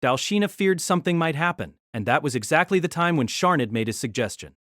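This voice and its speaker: Reading aloud from a light novel, this female narrator talks quickly, her pitch lively and animated as she tells the scripted story. The sound is close-miked and dry.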